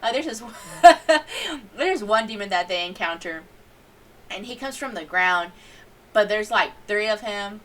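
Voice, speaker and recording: A young adult woman giving a casual, rambling anime review, animated and giggly as she tells stories. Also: mid-range voice, moderate pace, recorded from a distance.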